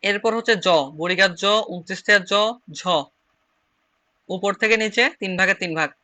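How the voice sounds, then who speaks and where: A man's voice: high-pitched, fairly even intonation, moderate pace, bright, forceful tone. A man from Bangladesh with a Chittagong Bengali accent, teaching an online shorthand class and repeating each step patiently. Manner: repetitive, drilling, step-by-step explaining.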